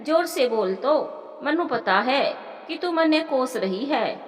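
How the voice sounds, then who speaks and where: A woman voicing a stern, sharp-tongued old village mother-in-law with a Rajasthani accent, in a storybook narration. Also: high-pitched, animated, slow. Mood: scolding. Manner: scolding, blunt village dialect. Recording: roomy with long reverb.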